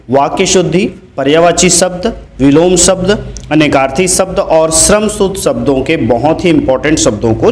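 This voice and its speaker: A man teaching a grammar lesson, spelling words out letter by letter and repeating each one. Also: fairly high pitch.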